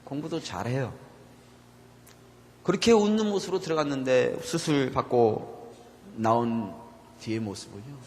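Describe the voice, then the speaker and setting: A man's voice: medium pitch, animated, measured pace, long pauses, slight background noise. A middle-aged male pastor preaching a sermon in a church, telling a personal story with impassioned feeling. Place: church sanctuary. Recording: long church reverb.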